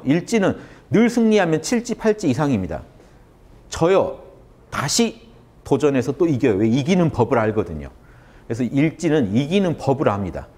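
A man lecturing on Buddhist teachings to an audience, often stopping to ask them questions. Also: medium pitch. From Korea. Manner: animated, asks the audience questions.

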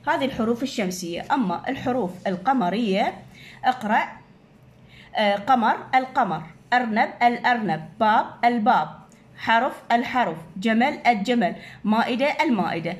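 A woman's voice: a little high, animated. Iraqi woman teaching grammar to kids. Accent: Iraqi Arabic. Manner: slow, repeats each word to drill it. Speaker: primary school teacher. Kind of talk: explaining a grammar lesson to children.

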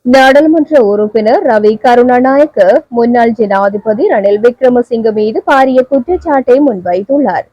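High-voiced Sri Lankan Tamil newsreader woman. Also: no room sound, highs cut off. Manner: steady, measured, formal delivery. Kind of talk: formal news reading.

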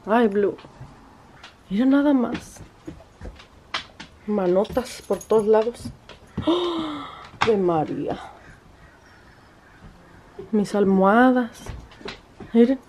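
A woman vlogging casually from home, chatty and exasperated, sometimes breaking off to scold her dog in sharp high bursts. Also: slight background noise. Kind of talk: casual vlog chat. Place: at home, indoors and outdoors.

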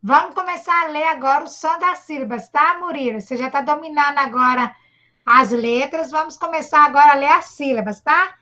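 A Brazilian woman teaching a child to read over a video call, patient and encouraging, sounding out syllables slowly. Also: sits high, sharp tone. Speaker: primary school teacher. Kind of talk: online literacy lesson for a child. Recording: dull lo-fi video call audio.

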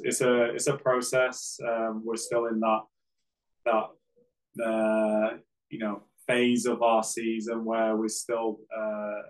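Flat-voiced football coach. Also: male voice, on the low side, rough recording. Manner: measured, flat delivery with many fillers. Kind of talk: post-game press conference. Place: press backdrop, indoors.

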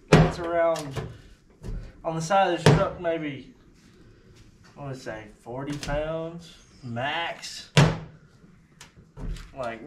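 The recording is very noisy, and the host's voice is a little high. He's casually unboxing and testing something in his workshop next to a truck, rambling offhandedly with lots of fillers.

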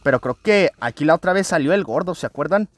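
An excitable man, hosting a let's play video and talking to his viewers as he plays. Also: fairly high pitch, fast talker, no echo. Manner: excitable, often addresses viewers as friends. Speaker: gaming channel host.

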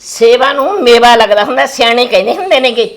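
A woman playing a sharp-tongued older village grandmother who scolds and comforts. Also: a little high, quick pace, close to an everyday voice. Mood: scolding. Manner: scolding, then soothing.

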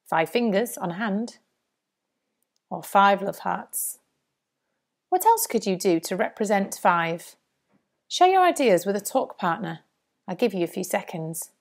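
A woman delivers a scripted lesson for young children. Her voice sits at an average pitch but moves up and down in a lively, singsong way. She speaks as a primary school teacher addressing a class.

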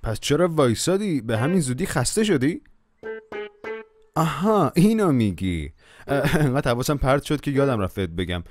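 A man's voice: mid-range voice, very animated. Playful man narrating a kids' cartoon. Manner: playful, coaxing, talks to the characters. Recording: music playing behind the voice.

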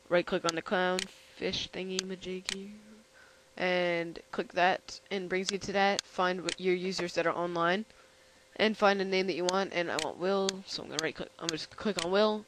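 A tired young man hosting a casual software demo, rambling and halting with lots of fillers. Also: high voice, slight background noise, rough recording. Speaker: channel host.

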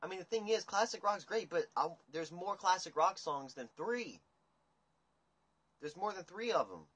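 A young man rambling through a livestream chat, swearing freely and ranting with animated energy. His voice is bright and forceful but husky. It sounds like a phone picking him up in a dim room. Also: high voice, moderate pace. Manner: rambling, profane, animated rants. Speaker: livestream host. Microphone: phone camera at table.

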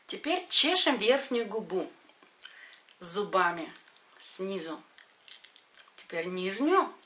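A middle-aged woman teaching exercises to camera, giving short step-by-step instructions with pauses between them. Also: medium pitch, very animated, fairly bright tone. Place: indoors, in front of a padded wall.

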